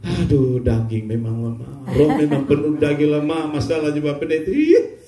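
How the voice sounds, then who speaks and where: A man delivers a sermon, slipping between jokes and loud, emphatic bursts. His voice sits a bit high yet sounds mellow and dark. The church hall adds a roomy echo over faint background ambience. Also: expressive, moderate pace. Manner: storytelling with bursts of shouting and humor. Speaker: pastor.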